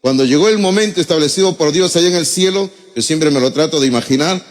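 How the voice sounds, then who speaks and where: A man's voice: a little high, fast. A middle-aged man with a Peruvian Spanish accent preaching a sermon as pastor, emotional and addressing listeners as brother. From Peru. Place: church hall. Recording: long church reverb.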